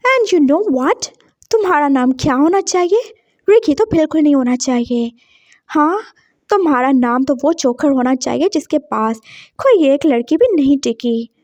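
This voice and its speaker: A woman's voice: sits high, expressive, a little slow, a little mellow, dry recording. A woman voicing a young man who scolds others indignantly in a story reading.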